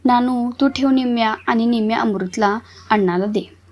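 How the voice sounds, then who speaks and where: A woman's voice: a little high, moderate pace, lo-fi sound, natural voice. A woman reading the part of an orphaned young woman who pleads with her brothers through tears. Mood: pleading. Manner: pleading, emotional.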